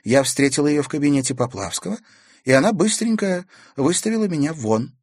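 A steady, probing teenage girl asks pointed questions in a lifted, even voice, as a male narrator voices her. She keeps her composure and presses on. The recording is dry and close. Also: fairly high pitch, brisk, slightly rough, dry recording, voice pushed up. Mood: calm. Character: calm, persistent, inquisitive teenage girl.

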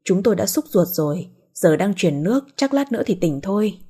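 A woman voicing a kindly middle-aged doctor giving calm advice. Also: mid-range voice, brisk, slightly rough. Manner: calm, advising.

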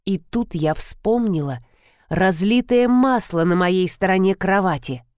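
A woman narrating a first-person audiobook in an expressive, amused way. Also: mid-range voice, a little slow, no echo, studio quality. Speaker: audiobook reader.

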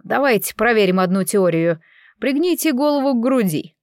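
Женщина играет неторопливого седого доктора. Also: female voice, on the high side, animated, a little mellow, dry recording, clean studio sound, close to an everyday voice. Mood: businesslike. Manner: measured, matter-of-fact clinical instructions. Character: grey-haired older male doctor, methodical and calm.

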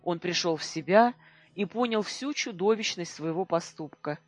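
Measured dramatic audiobook narrator. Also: mid-range voice, no echo. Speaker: audiobook reader.

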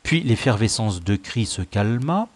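A man narrates a classic novel in a slow, measured way, with his pitch rising and falling a lot. The recording is close and dry, with no room sound. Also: no room sound. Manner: measured, expressive. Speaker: audiobook narrator. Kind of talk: scripted narration.

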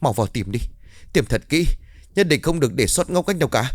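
A man's voice: medium pitch, expressive, brisk, breathy edge, no room sound, voice pushed up. A man voicing a fierce, bossy middle-aged village mother who scolds her children in a harsh, urgent way.

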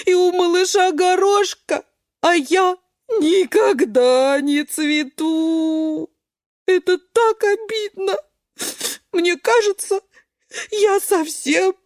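Woman doing a teary storybook beet girl, high little voice, all plaintive and sobby. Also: a little mellow, no echo, studio quality. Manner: sobbing, plaintive. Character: weepy gentle beet girl, sad and tender.

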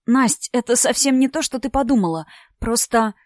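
A woman's voice: a little high, moderate pace, no echo, studio quality, pitched above the performer's own voice, close to an everyday voice. A woman reading a storybook part, voicing a tired, defensive single mother in her thirties. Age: 30s. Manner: defensive, exasperated.

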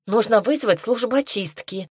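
A woman puts on a panicky young woman from a storybook, shrieking and complaining in a high, loud voice. The reading is close-miked in a dry room. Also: normal speed, breathy edge, no echo. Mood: hysterical. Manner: hysterical, complaining. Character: young woman, shrill and easily frightened.

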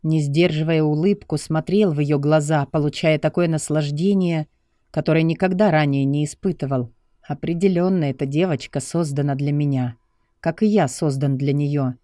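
A man narrating a first-person novel in an intimate, measured reading voice. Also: on the high side, fairly even intonation, mellow, no room sound, clean studio sound. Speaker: audiobook narrator.

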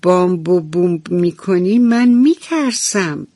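A woman's voice: lowish voice, lively intonation, warm tone, no echo. A woman voicing a small, timid baby mouse in a children's bedtime radio story. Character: little scared baby mouse, whiny and curious.

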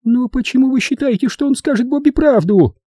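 Brief: male reader as a piercing, contemptuous woman in an audiobook, snapping lines, husky edge. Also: fairly quick, mellow, no room sound, clean studio sound. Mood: sneering. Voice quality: piercing falsetto. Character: shrill scornful woman, sharp-tongued and frantic. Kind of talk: audiobook character voice.

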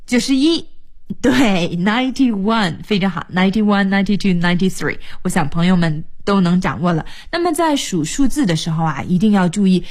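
A woman teaching a broadcast English lesson, slowly repeating each word twice. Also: mid-range voice, darkish tone.

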